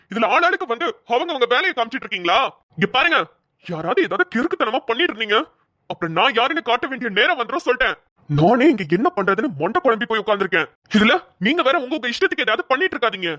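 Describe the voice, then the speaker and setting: A woman's voice: fairly high pitch, very animated, quick pace, fairly bright tone, dry recording, clean studio sound. A woman voicing a harried young male police officer who rants in exasperation, for a cartoon. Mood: exasperated. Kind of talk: dubbed cartoon voice acting.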